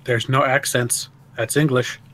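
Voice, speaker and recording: A man chatting and arguing excitedly with friends while they play a video game. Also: mid-range voice, a little slow. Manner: excitable, argumentative. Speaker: gamer. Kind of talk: casual gaming chat.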